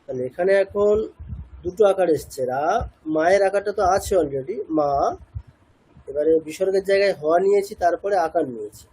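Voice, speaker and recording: A man from India talks fast in a high, darkish, slightly rough voice as he patiently teaches a class how to pronounce chants. He asks questions and answers them himself, and the recording quality is rough.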